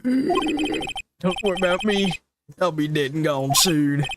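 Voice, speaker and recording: A man's voice: a little high, takes it slowly. A man putting on a whiny slacker dude. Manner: whiny and melodramatic. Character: whiny young male slacker friend. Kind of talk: parody fan dub. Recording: noisy home recording.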